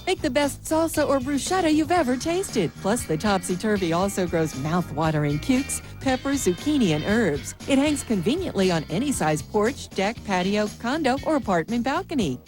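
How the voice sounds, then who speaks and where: A woman announcer giving an enthusiastic, urging infomercial sales pitch. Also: a little mellow. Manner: enthusiastic, urging hard sell. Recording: music bed behind the voice.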